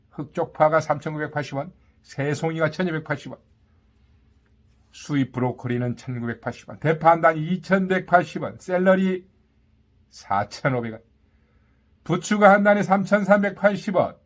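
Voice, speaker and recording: Man hawking groceries in a higher-pitched voice. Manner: hawking pitch, repetitive, punchy short phrases with boastful catchphrases. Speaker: market vendor announcing produce and meat prices. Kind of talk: live sales patter, calling out prices and specials.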